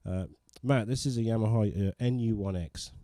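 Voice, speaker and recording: A livestreaming pianist talks with his audience from a living room equipped with a digital piano, wandering off topic, mocking himself and frequently starting over. He speaks at a moderate pace in a lowish, mellow voice, and the sound is clean and studio-like with no room sound.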